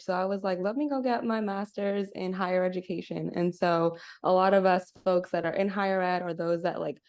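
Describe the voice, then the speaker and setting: A woman's voice: on the low side, darkish tone. A young woman from the Bahamas, co-hosting a podcast in casual, reflective chat over a call. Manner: reflective, self-introducing, often says "kinda" and "right?". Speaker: podcast co-host. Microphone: video call.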